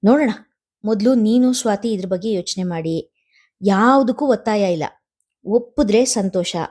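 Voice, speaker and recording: Kindly older brother in a storybook, calm and measured, warm mellow tone, put on by a woman narrator. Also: mid-range voice, close to an everyday voice. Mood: persuasive. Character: gentle older man, caring elder brother.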